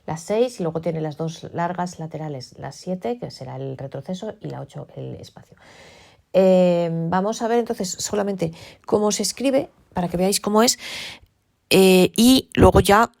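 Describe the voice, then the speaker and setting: A woman with a Spain Spanish accent talks her listeners through a device in a relaxed, rambling way, full of fillers and repeated points. Her voice sits low and has a gravelly fry. She is recorded close to a dry mic. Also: normal speed, dry recording. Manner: chatty, repeats herself with many fillers. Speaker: podcast host. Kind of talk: casual device demonstration.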